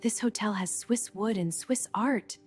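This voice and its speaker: A woman playing an excited young tourist, narrating a beginner English lesson with very slow talking in short simple sentences. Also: mid-range voice, faint music behind, lightly acted. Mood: calm wonder.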